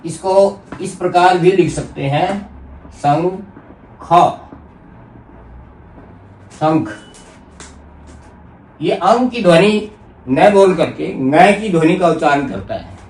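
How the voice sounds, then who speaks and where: A man with a somewhat high voice teaches a grammar lesson at a very slow, deliberate pace. He repeats example words carefully to show how they are pronounced. He is recorded from a distance in an echoey room with faint background noise. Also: lively intonation, darkish tone.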